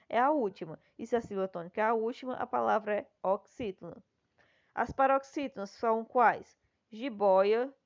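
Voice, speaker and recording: A Brazilian woman schoolteacher with a Brazilian Portuguese accent, patiently walking her class through the answers to an exercise and checking in with them as she goes. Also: a little high. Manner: patient, explanatory, often checks with "né?". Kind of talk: recorded class lesson, explaining answers. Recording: dull lo-fi recording.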